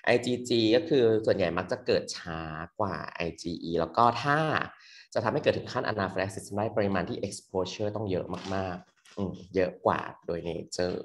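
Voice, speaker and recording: A young man tutoring medical students in a loose, quick exam review full of fillers. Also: sits low. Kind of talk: casual exam review lecture. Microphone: computer mic on a screen recording.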